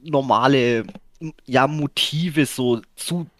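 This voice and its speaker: A man co-hosting a casual podcast discussion, rambling with many fillers and restarts and sudden jumps in pitch. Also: slow, fairly bright tone, no echo. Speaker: podcast co-host.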